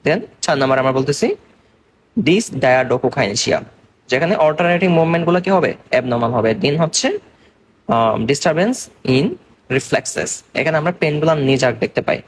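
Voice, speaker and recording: A man's voice: on the high side, animated, slight background noise. A young man from Bangladesh giving an exam-focused medical lecture, explaining step by step and often checking that students follow. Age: young adult. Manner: explains slowly in mixed Bengali and English terms, checking understanding.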